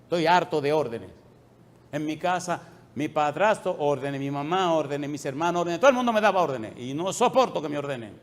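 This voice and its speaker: Preaching animatedly and a little fast, a middle-aged pastor confronts the congregation with repeated questions. He lets his phrases fall away into a soft, low voice.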